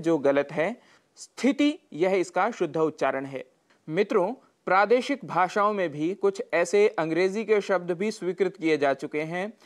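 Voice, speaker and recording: A Sanskrit teacher giving a scripted broadcast lesson, with careful, deliberate enunciation and a measured, instructive delivery. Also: medium pitch.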